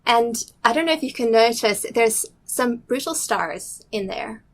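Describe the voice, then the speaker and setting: In a casual interview in a city restaurant or office, a middle-aged South African woman who records nature tells stories eagerly and curiously, explaining carefully with small restarts. Her accent is a blended international one, slightly Canadian, and her voice is a little high, animated and measured on a low-quality recording.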